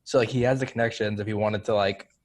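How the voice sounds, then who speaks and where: Young man, podcast co-host, rapid speech, low voice, casual football talk. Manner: quick, even-toned analysis with many "like" fillers. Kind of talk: casual sports chat.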